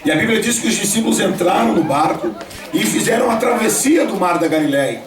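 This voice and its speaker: A man's voice: high voice, expressive, a little fast, a crowd in the background. A man, preaching a sermon at a home worship gathering and speaking directly to his listeners. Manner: storytelling, addresses listeners directly. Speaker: pastor. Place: home, gathering of family and church members. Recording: echoey room, voice from a distance.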